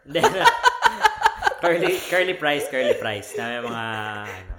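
A man's voice: medium pitch, very animated, unhurried, a bit bright. A man guesting on a podcast, chatting casually and ranting bluntly about food. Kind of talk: casual banter.

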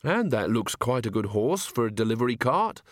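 A man's voice: mid-range voice, very animated, moderate pace, dry recording, clean studio sound. A man voicing a courteous, earnest young watchman who speaks politely.

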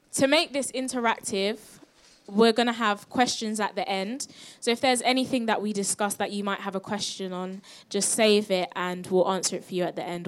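A seventeen-year-old woman with a South London accent, presenting a live podcast panel in a casual way. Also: medium pitch. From South London, England. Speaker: podcast host moderating a panel.

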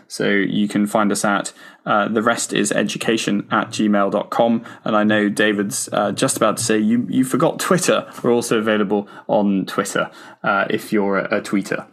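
A man hosting a podcast in a conversational style, tentatively working his way around each point. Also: on the low side. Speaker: podcast host.

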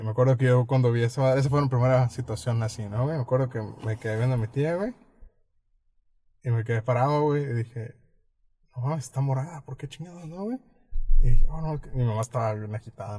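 Mellow-voiced Mexican man telling stories. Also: mid-range voice. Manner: rambling, slangy, fills nearly every phrase with "güey". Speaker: podcast co-host. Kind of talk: casual storytelling chat.

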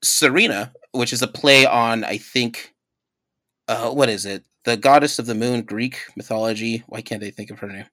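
A man hosting a casual podcast, telling a story in an animated, rambling way with many restarts. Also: mid-range voice, moderate pace, no room sound. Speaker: podcast host.

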